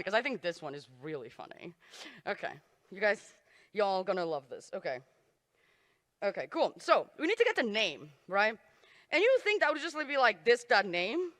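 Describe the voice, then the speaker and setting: A woman talks an audience through live coding in a bright, clear voice, tossing in self-mocking jokes as she types. Her voice rings through a large hall with a long reverb tail. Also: fairly high pitch. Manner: self-deprecating, joking asides while typing. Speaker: conference speaker. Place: conference stage in a large hall.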